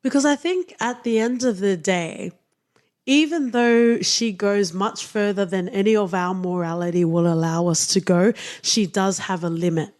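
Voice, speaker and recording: A woman's voice: medium pitch, moderate pace, darkish tone. A woman co-hosting a casual podcast, reviewing a TV series in an opinionated, teasing way. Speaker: podcast co-host.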